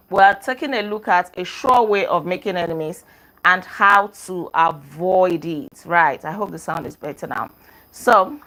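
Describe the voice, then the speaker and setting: A woman's voice: fairly low pitch, a bit bright, low-quality recording. A woman host reviewing a self-help book in a casual teaching talk. She is earnest, repeats her points and often checks in with a questioning "right?". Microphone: clip-on microphone.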